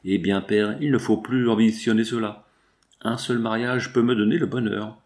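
A man's voice: fairly low pitch, steady tone, moderate pace, darkish tone, lightly acted. A man reading aloud and voicing a frail young woman in love who pleads tearfully with her father. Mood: pleading. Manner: tearful, imploring.

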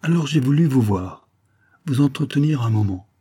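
A man voicing a calm, mysterious young woman bent on vengeance, speaking gravely and gently in an audiobook reading. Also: medium pitch, moderate pace, voice pushed up. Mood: gentle.

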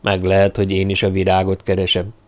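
A man voicing a brooding, secretive drifter who speaks quietly and sparingly in an audiobook. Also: low voice, completely flat delivery, lightly acted. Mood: musing.

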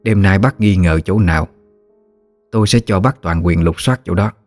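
A man's voice: low voice, no room sound, soft background music. Man doing a stern old matriarch. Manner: slow, calm, authoritative. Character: stern elderly grandmother, family matriarch.

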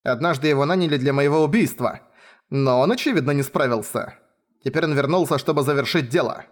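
A man voicing a cocky, sharp-tongued young sorceress who speaks curtly and sarcastically. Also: a little high, brisk, natural voice. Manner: curt, sarcastic.

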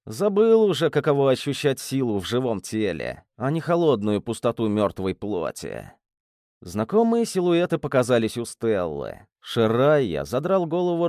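Male narrator for a fantasy audiobook, lively pitch, dry studio sound, mid-range voice. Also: no room sound. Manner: expressive, rises to rousing speech.

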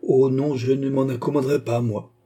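A man's voice: mid-range voice, flat delivery, moderate pace, warm tone, slightly rough, voice pushed up, lightly acted. A man reading an audiobook, voicing a haughty, angry young queen with an indignant, commanding manner.

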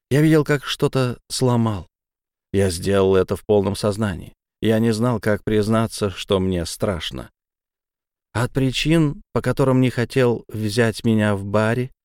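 A man narrating a first-person novel as an audiobook, in a measured, dramatic reading. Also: lowish voice, a little mellow, no room sound, studio quality.

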